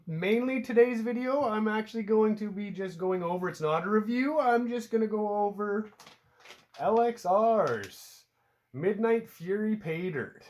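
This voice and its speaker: Recorded inside his home, a Canadian outdoor hobby vlogger with a blocked-up cold talks casually and meanderingly to camera about his pastime. His voice is fairly high, and his chat is peppered with careless swearing and jokes at his own expense.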